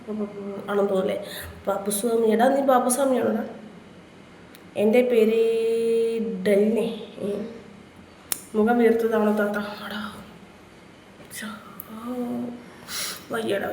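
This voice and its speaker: A woman from Kerala, India, with a warm, medium-pitched voice, chats casually during a live stream and throws crude insults back and forth with viewers. The recording has room echo and faint background noise.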